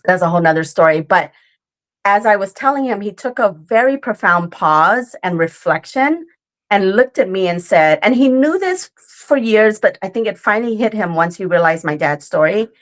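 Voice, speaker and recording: A woman's voice: medium pitch, animated, normal speed. A woman in her forties, a guest in a conversational interview, telling a story earnestly and often checking in with "right?". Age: 40s.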